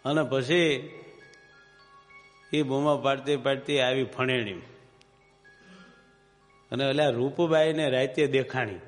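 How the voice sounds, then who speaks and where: A man's voice: medium pitch, fairly even intonation, slow pace, pauses often, long reverb tail, soft background music. A man with a Kathiawadi Gujarati accent, telling a moral story as a preacher in a homely, moralizing way and putting questions to his listeners. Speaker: religious preacher. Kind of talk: storytelling sermon.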